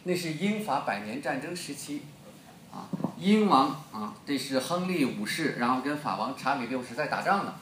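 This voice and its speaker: A man's voice: medium pitch, lively intonation, moderate pace, echoey room, background noise. A man with a Beijing accent preaching, telling a history story with jokes and questions to the audience. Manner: joking, quizzes the audience. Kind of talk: storytelling sermon.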